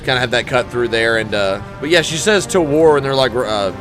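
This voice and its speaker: A man's voice: medium pitch, lively intonation, fairly quick. A man giving casual, geeky, enthusiastic commentary while playing through a video game. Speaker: gamer commentator. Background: loud game music and vehicle sounds.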